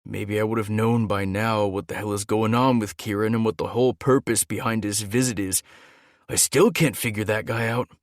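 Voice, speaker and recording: A man voicing a young male gargoyle shifter who talks earnestly and urgently, a little higher and louder than his narration. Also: steady tone, normal speed, no room sound, studio quality, lightly acted. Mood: anguished.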